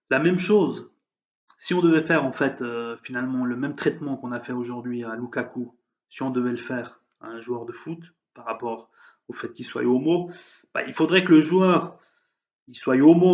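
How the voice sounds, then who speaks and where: A male vlogger delivers an emphatic, heated monologue giving his opinions on current events, often hesitating with fillers. His mid-range voice comes through lo-fi sound.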